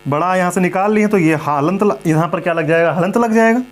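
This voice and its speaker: A man's voice: high voice, brisk. A man teaching a grammar lesson in a classroom lecture style, who asks questions and answers them himself and repeats the key points.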